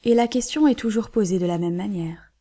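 A man's voice: high voice, fairly quick, mellow. A woman reading the part of a worried, gloomy middle-aged banker, keeping close to her own voice. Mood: plaintive.

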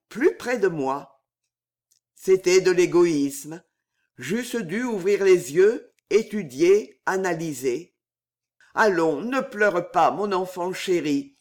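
Reader voicing a worried, tender old father. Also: mid-range voice. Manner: pleading, reassuring. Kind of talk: audiobook character reading.

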